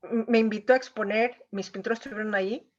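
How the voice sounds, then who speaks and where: In a muffled recording, a Mexican woman painter tells an emotional story as an interview guest, her conversation heavy with "o sea" and "eh" fillers. She speaks in a mid-range voice with a steady tone and a quick pace.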